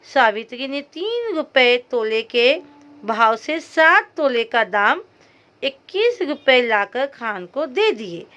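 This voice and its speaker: High-voiced woman teacher explaining a story. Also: very animated, slow pace, fairly bright tone, lo-fi sound. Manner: stops to explain hard words; talks straight to young students. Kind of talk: reading a story aloud and explaining it.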